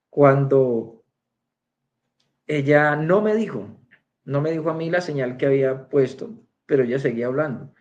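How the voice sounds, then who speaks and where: Guy telling his church testimony, acting out all the dialogue, kinda muffled dull recording. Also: a little high. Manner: storytelling, acting out quoted dialogue. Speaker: church member giving a testimony. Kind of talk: spoken personal testimony.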